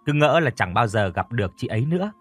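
A man's voice: medium pitch, very animated, fast talker, fairly bright tone, husky, no echo, soft background music. A man playing a humble, earnest father who speaks politely and deferentially.

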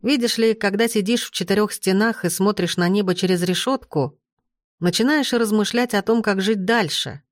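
A woman's voice: medium pitch, moderate pace, dry recording, studio quality, close to an everyday voice. A playful young ex-thief, read by a woman. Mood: earnest. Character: teasing young male ex-thief, playful and fond.

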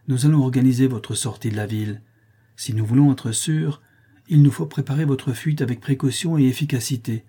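A man reading the part of a secretive guide who gives a hiding family brisk, low-key instructions. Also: mellow, breathy edge, natural voice.

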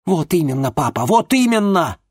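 A man voicing a brisk, energetic young woman nurse with a firm, insistent manner. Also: on the high side, breathy edge, dry recording, studio quality, pitched above the performer's own voice.

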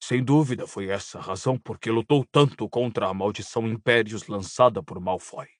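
A man voicing a hoarse, fearful male servant in an audiobook, trembling and eager to please. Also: fairly low pitch, brisk, dry recording, clean studio sound, voice pushed down, natural voice. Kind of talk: audiobook character voice.

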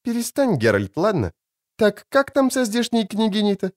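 A man voicing a spirited, sharp-tongued teenage girl in a fantasy audiobook. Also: sits high, huge pitch swings, moderate pace, pitched above the performer's own voice. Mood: teasing. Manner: pert and teasing.

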